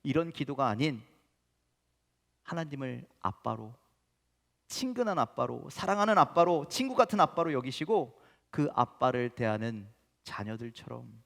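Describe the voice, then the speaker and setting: Animated male pastor preaching with long church reverb. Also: mid-range voice, normal speed, creaky. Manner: animated, emphatic preaching with sudden loud rises. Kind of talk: sermon. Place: church sanctuary.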